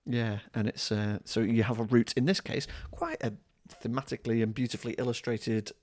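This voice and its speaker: A man's voice: medium pitch, fairly even intonation, fairly quick, darkish tone, no echo. A man co-hosting a board game podcast, rambling in casual chat with wry jokes and frequent laughs. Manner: chatty, rambling, laughs often, wry joking. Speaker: podcast co-host.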